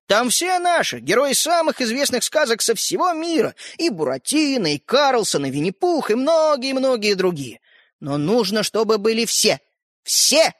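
A touchy little fairy-tale hero who lectures and sulks, as a male reader puts him on. He talks high and bouncy, full of swings in pitch. The reading is dry and close. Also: fairly bright tone, dry recording. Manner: huffy, lecturing, quick to take offence. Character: touchy boastful tiny fairy-tale man.

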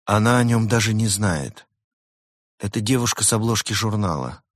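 A man playing an anxious male tiger from a storybook, earnest and pleading. The voice stays fairly low and plain. It sounds dry and close. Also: lively intonation, normal speed, no room sound. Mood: worried.

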